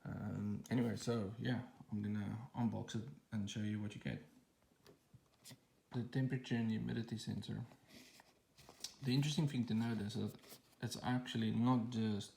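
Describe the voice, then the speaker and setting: A man's voice: lowish voice, steady tone, normal speed, creaky, darkish tone, slight background noise. A man casually talking through an unboxing at home, rambling with fillers and restarts as he films on a phone held in one hand. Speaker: tech channel host.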